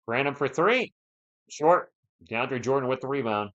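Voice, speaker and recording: Over dull, lo-fi stream audio, a man with a mid-range, fairly bright voice talks in an animated but unhurried way. His throat is sore and his voice is going as he casually narrates a basketball game live, chatting with viewers and responding to their comments between plays.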